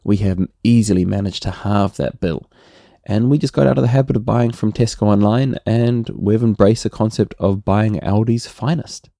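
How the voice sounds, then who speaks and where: A middle-aged man with a New Zealand accent, hosting a relaxed solo podcast and often tagging his points with "right?". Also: on the low side, normal speed, creaky, no room sound, studio quality. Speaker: podcast host.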